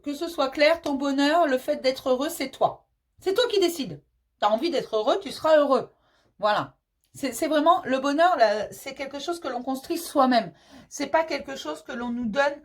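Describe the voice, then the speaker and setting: A woman medium giving a casual tarot reading, reassuring and chatty, addressing the listener affectionately. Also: high-pitched. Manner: reassuring, calls the listener "mon petit chéri"; chatty, with frequent fillers and repeats.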